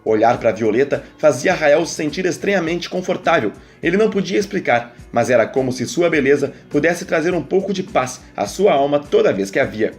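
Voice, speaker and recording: A man narrating a web novel aloud in an expressive storytelling manner. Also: on the high side.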